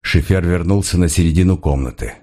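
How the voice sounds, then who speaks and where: A man narrating a thriller audiobook in a steady, grave storytelling manner. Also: low voice, fairly quick.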